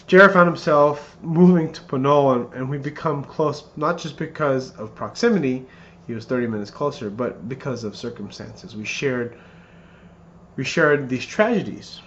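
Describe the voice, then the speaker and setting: A man in his thirties rehearsing a best man's wedding speech in an earnest, somewhat halting way, often repeating phrases. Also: mid-range voice, a bit bright. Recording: muffled lo-fi, clear background noise.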